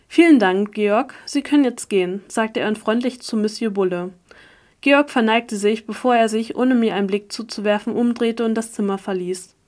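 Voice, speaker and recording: Female audiobook narrator, first-person story, even and steady, mid-pitched voice. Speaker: audiobook reader.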